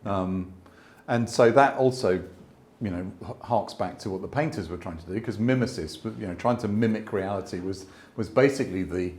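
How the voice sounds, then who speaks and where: A landscape photographer in his sixties gives a conversational talk to an audience in an exhibition space. His lowish, slightly mellow voice moves at a moderate pace with hardly any pauses, and he talks thoughtfully, often restarting and adding asides.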